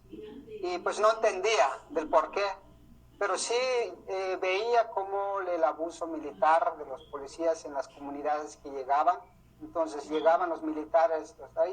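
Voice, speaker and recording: An author presenting his book speaks unscripted in a husky, fairly high voice, his speech halting and hesitant with many fillers and restarts. His first language is Mam, and the recording has a muffled radio-broadcast sound.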